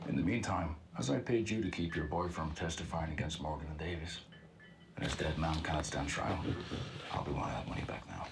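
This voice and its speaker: A menacing loan shark with a blunt way of talking. His voice is very deep and gravelly. A busy crowd murmurs loudly behind him. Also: fairly quick. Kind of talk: TV drama dialogue.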